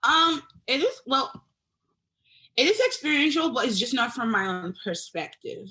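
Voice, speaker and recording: A woman's voice: high voice, expressive, normal speed, bright, forceful tone. Hesitant young woman from Nigeria. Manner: hesitant, many fillers and restarts, laughs often. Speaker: guest artist. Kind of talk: casual interview chat.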